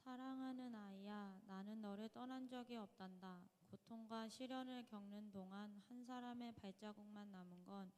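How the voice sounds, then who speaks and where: A woman reads a devotional passage aloud at a measured, even pace in a church sanctuary. Her mid-pitched voice carries a long reverb tail. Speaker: congregation reader. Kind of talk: reading scripture-style text aloud.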